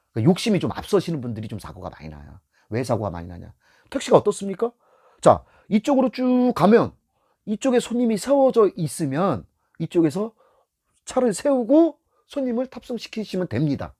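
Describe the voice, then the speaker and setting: A middle-aged man who drives a taxi gives beginners blunt, casual advice, acting out scenes from the road and repeating his key points. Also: fairly high pitch. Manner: animated, acts out scenes from the road. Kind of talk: casual spoken lesson.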